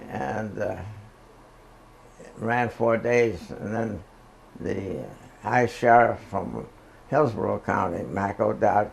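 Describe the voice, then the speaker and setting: A very old man, recalling the past in a halting, hesitant oral history interview. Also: on the low side, vocal fry, slight background noise.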